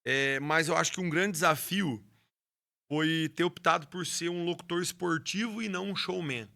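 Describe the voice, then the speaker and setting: A man from Brazil, who works as a rodeo announcer and horse trainer, recounts his life with passion during an interview conversation, often starting his words over. He speaks at a moderate pace in a slightly high voice that's creaky, pushed and bright.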